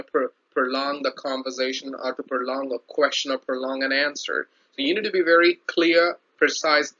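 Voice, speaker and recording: Bright-voiced man teaching on a lo-fi recording. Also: mid-range voice. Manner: explains slowly with many fillers and restarts; instructive, repeats key points. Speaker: English teacher. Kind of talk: online English lesson. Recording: dull lo-fi sound.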